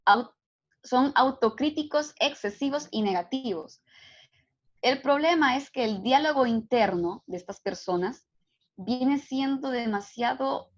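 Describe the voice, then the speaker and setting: A woman's voice: on the high side, dull audio. A woman giving a psychology lecture, explaining steadily and often checking in with tag questions. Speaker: psychology instructor. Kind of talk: online lecture.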